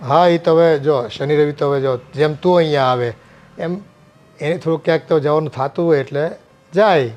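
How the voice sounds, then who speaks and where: A man's voice: a little high, moderate pace, darkish tone, lo-fi sound, faint music behind. An older man with a Gujarati accent playing a father-in-law in a family film, easygoing and teasing.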